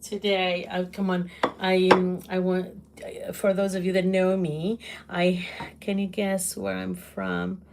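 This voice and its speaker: A middle-aged Portuguese woman with a Portuguese accent, chatting loudly to her livestream viewers from her home kitchen, laughing often. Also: lowish voice, completely flat delivery, takes it slowly, gravelly, background noise. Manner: loud, laughs often, exclaims. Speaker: livestream host. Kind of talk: casual livestream chat answering comments.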